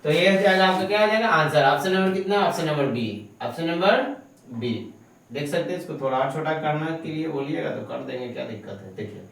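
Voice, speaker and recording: Echoey, far-miked teacher. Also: male voice, a little high, fairly quick, gravelly, a bit bright. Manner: asks himself questions and answers them, coaxing; fondly calls students "babu". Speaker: math teacher. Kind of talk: online exam-prep lecture. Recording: very echoey room, mic set far off.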